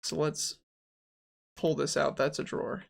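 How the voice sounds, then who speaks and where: Young male streamer with a gravelly, fry-edged voice, rambling chattily over keyboard clicks while he builds a 3D model live. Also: a little high, flat delivery, unhurried. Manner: chatty, thinks aloud, reads and answers chat. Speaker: game dev streamer.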